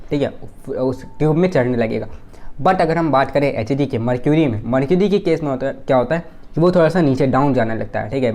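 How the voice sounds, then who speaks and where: Mellow-voiced man teaching physics. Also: mid-range voice. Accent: Indian English. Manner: explains step by step, asks questions then answers them. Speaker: physics tutor. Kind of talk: whiteboard physics lesson.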